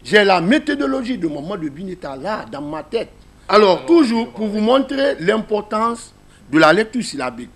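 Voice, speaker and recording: A man's voice: high-pitched, very animated, moderate pace, a bit bright. A man with a Guinean French accent teaching a class, explaining a reading method step by step and asking his listeners questions.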